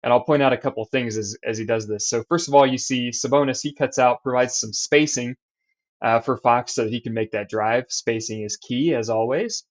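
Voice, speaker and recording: A man's voice: mid-range voice, brisk. A man, a basketball coach, explaining defense in a voice-over over diagrams and game clips, with restarts as he points things out. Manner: explanatory, restarts and fillers while drawing on screen. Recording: slightly dull lo-fi sound.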